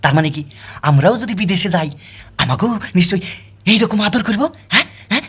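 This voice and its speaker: A sarcastic, aggrieved male street dog, as a man puts him on, grumbling in a through a comic monologue. The voice is husky, with a lively pitch that swoops up and down. Every complaint lands as a pointed rhetorical question. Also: fast, exaggerated voice. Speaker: comedian.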